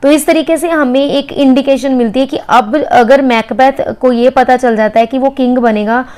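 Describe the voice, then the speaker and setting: A woman's voice: high voice, steady tone, moderate pace, darkish tone, clean tone. A woman teaching literary terms in an explanatory lecture, asking and answering her own questions. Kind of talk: explanatory lecture mixing Hindi and English.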